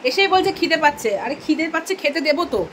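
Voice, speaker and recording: A woman vlogging casually from her home, chatting to viewers and scolding her daughter, her throat a little hoarse. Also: high voice, lively intonation, racing, background noise. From Bengal. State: throat slightly hoarse lately. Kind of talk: casual home vlog chat. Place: home kitchen and bedroom.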